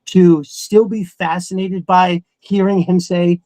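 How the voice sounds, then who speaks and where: A man co-hosting a podcast chats casually about cartoons, enthusiastic and rambling, with some swearing thrown in. His voice sits high with little pitch movement, slow and dark in tone, on a dry recording.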